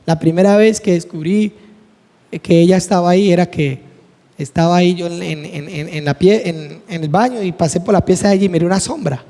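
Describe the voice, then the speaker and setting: Man, church teacher, high voice, long echoing reverb. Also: a little fast, warm tone. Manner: earnest, acts out dialogue vividly. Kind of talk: preaching class with personal stories. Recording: echoey hall with long reverb.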